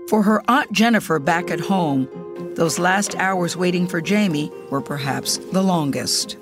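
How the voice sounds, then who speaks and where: A woman narrating a news report in a measured, solemn scripted delivery. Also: fairly low pitch. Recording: narration over music.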